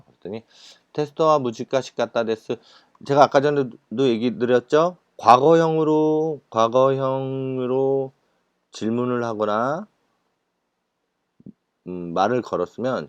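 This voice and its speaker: Low-voiced man giving a patient lecture. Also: no echo, dull audio. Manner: patient explaining with frequent fillers and repeated words. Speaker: Japanese language instructor. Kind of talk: recorded lecture.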